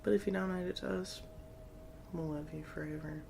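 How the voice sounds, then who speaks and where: A low-pitched woman co-hosts a casual podcast. She jokes crudely and laughs often. A faint rumble sits under her voice. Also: steady tone, brisk, creaky, a little mellow. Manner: giggly, joking, crude banter. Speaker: podcast co-host. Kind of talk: casual chat.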